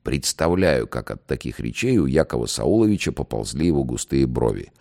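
A man narrates in a wry, expressive storytelling style. His voice is very deep and gravelly, with a lively, animated pitch that swings as he comments. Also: a little fast. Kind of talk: storytelling commentary on a historical document.

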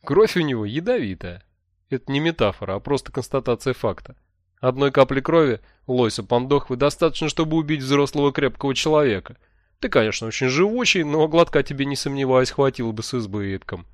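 A man's voice: medium pitch, animated, a little fast, dry recording, clean studio sound, close to an everyday voice. A man reading an audiobook who voices a cheerful, smug male sorcerer mentor, talking in a breezy, jovial way. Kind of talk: audiobook character voice.

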